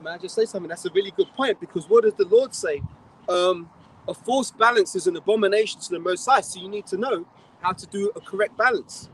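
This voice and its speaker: A London man preaches on a city street in a fairly high voice. He tells rambling stories bluntly and swears freely. Faint street noise sits behind him. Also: fast talker, a bit bright, rough recording. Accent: London English. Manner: blunt, profane, rambling storyteller. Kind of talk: outdoor religious talk, anecdote.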